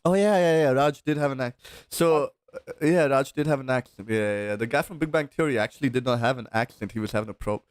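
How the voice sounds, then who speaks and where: A young man from India, in his twenties, hosting a relaxed coding stream. He jokes quickly and laughs often. His voice is close and dry, with a medium pitch. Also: smooth, no room sound. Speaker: streamer host. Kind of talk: casual chat on a coding stream.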